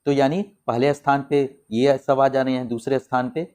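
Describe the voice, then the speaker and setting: A male teacher with a Hindi accent giving an exam-prep grammar lesson, putting questions to the class and answering them himself, spelling out sounds slowly and repeating them. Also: medium pitch, flat delivery, darkish tone, smooth.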